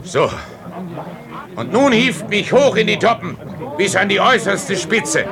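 An actor playing an obsessed, commanding whaling captain in an audio play, imperiously barking orders. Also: male voice, high-pitched, expressive, unhurried, a crowd in the background. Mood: commanding, urgent. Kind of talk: dramatised audio play acting.

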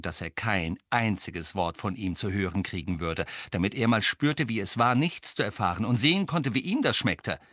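A man narrating an audiobook with an expressive, lively reading. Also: sits low, dry recording, studio quality.

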